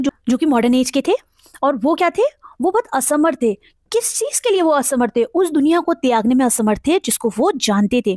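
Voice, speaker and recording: A woman with an Indian accent teaching English vocabulary. She reads English example sentences very slowly, then explains them at length, asking questions and answering them herself. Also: sits high, darkish tone, dry recording, clean studio sound. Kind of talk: vocabulary lesson in Hindi mixed with English.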